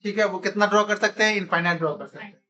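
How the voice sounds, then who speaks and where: A man's voice: high-pitched, fairly even intonation, very fast, sharp tone. A man teaching a classroom math lesson in speech, constantly quizzing his students with repeated questions.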